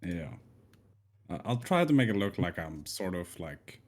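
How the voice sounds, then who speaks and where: Deep-voiced man playing a tabletop game. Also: very animated, a little slow, darkish tone. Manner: hesitant, thinking aloud. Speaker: player. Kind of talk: casual tabletop play.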